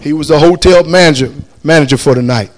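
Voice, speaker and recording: Speaking quickly in a voice on the high side, a man casually recounts a story, full of animation, voicing the people he quotes and laughing frequently.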